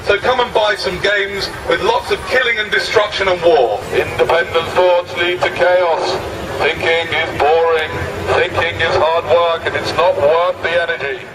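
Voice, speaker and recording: A man's voice: high-pitched, moderate pace. A man speaking through a megaphone as a street activist, making ironic, mock-polite announcements. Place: busy city street outdoors. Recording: echoey megaphone voice from a distance, street noise.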